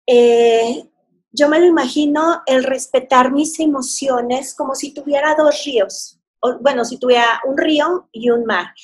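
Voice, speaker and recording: A middle-aged woman with a Mexican Spanish accent, a divorced mother speaking earnestly and warmly about her emotions, with fillers and restarts. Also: a little high. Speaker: divorced mother sharing advice. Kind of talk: motivational talk.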